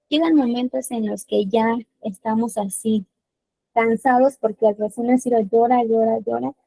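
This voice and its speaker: A woman's voice: fairly high pitch, darkish tone, dry recording, low-quality recording. A woman giving a webinar lecture on newborn care, explaining step by step and often checking in with listeners.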